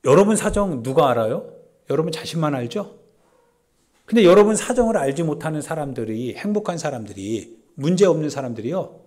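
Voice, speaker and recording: During a Sunday church service, a pastor whose voice sits on the high side gives his sermon in a conversational tone. His volume shifts from loud, pleading appeals to quiet asides.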